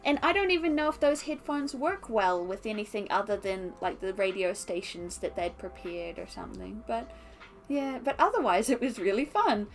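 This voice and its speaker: A young woman with an Australian accent chatting casually on a stream, animated and laughing often. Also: normal speed, faint music behind. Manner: chatty, reads chat aloud, laughs often, animated with pitch jumps. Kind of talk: casual chat while unboxing.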